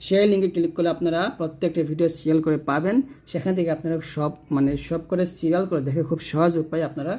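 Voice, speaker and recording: A man teaching Quran reading, spelling out each letter and vowel mark slowly, then joining them and pointing out common mistakes. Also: fairly high pitch, steady tone, darkish tone. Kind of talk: slow syllable-by-syllable spelling lesson.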